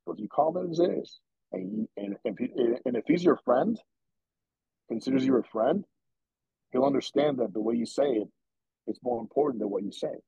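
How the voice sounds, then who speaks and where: Here the same Dominican ex-player turned broadcaster sounds medium-pitched and creaky, slightly rough, talking a bit fast with long pauses. He earnestly recounts interview stories, animatedly voicing the people he quotes. The muffled recording has no room sound.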